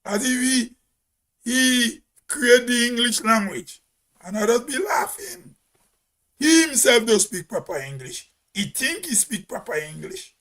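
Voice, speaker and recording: Grenadian guy ranting slow and preachy, real high voice. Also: sing-song, fairly bright tone. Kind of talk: spoken commentary.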